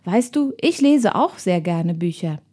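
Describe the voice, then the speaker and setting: A woman's voice: on the low side, lively intonation, a little slow, warm tone, pitched below the performer's own voice. A woman voicing a friendly, curious girl who chats eagerly, in a storybook reading. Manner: chatty, friendly.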